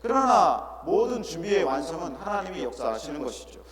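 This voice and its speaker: Middle-aged guy preaching, kinda high voice, lots of rhetorical questions, big echoey church hall with people around. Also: big pitch swings, a little fast, over a noisy crowd. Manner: earnest, rhetorical questions, drops to soft asides. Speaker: pastor. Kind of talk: sermon. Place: church sanctuary.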